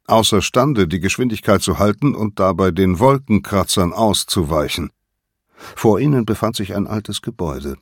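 A man narrating a children's adventure story in an expressive reading. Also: deep voice, no echo, clean studio sound. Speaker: audiobook narrator.

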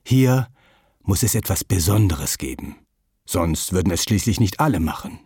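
A man reading a children's story in a calm, measured narrating voice. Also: sits low, breathy edge, no room sound, clean studio sound.

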